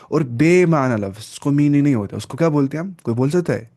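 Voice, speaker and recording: A man leads an online Arabic grammar class in a rather high, expressive, mellow voice. Step by step he explains, quizzes the class and supplies the answers himself, while blending English terms with slowly read Arabic words.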